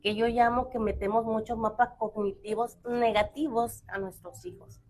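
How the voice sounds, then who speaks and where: A woman's voice: fairly high pitch, fairly even intonation, normal speed, a little mellow. A middle-aged woman on a talk show panel, telling a family story and acting out the quoted dialogue. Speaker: panel guest.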